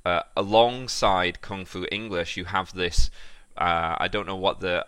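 A man's voice: low voice, steady tone, measured pace, fairly bright tone, clean tone, dry recording. A man co-hosting a podcast, chatting eagerly and sharing his own experience. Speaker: podcast co-host. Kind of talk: casual chat.

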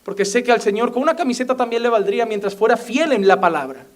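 A man's voice: very high-pitched, animated, quick pace. A young man preaching a fervent sermon as a pastor, often mimicking the voices of imagined people. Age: young adult.

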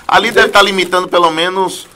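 A man's voice: sits high, fairly even intonation, fairly quick, sharp tone. A Brazilian man co-hosting a talk show, joking and giving rambling explanations. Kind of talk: casual chat.

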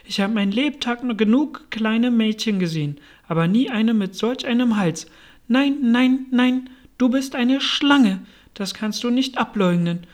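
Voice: medium pitch, a little slow, pitched above the performer's own voice, close to an everyday voice. A reader voicing a fretful, indignant mother pigeon in a storybook. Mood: scornful. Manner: shrieking, indignant and scornful. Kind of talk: storybook reading.

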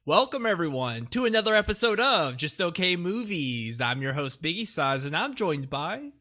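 A man's voice: a little high, very animated, moderate pace, pushed and bright. A young man hosting a casual podcast, rambling with lots of fillers and laughing often. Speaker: podcast host. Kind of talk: casual chat.

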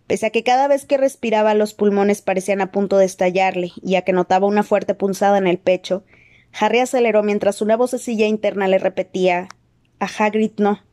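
Woman narrating an audiobook, mellow voice. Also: medium pitch, steady tone, fast. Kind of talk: scripted narration.

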